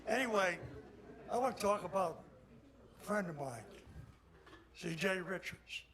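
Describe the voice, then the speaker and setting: A man's voice: high-pitched, lively intonation, unhurried, fairly bright tone. Salty older man telling racing stories. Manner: plainspoken, salty, rambling storyteller. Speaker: awards presenter, longtime motorsports official. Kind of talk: folksy anecdotal tribute speech. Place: induction ceremony hall with audience. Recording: audience noise throughout.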